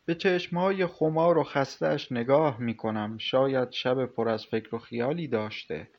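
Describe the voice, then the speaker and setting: A man narrating a first-person story in a calm, measured way. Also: medium pitch. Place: recording studio. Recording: slightly muffled studio recording with soft music.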